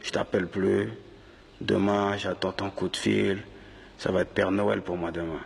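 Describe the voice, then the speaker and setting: An actor playing an angry hustler who leaves a slangy, veiled-threat voicemail for someone who owes him money. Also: male voice, sits low, level tone, unhurried, creaky, long reverb tail, slight background noise, exaggerated voice. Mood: simmering threat.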